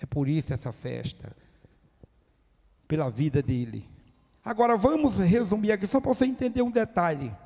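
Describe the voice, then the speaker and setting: High-voiced preacher in a reverberant hall. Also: male voice. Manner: emphatic, rising to near-shouting at climaxes, rhetorical questions. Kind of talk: sermon. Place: church hall. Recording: long reverb of a church hall.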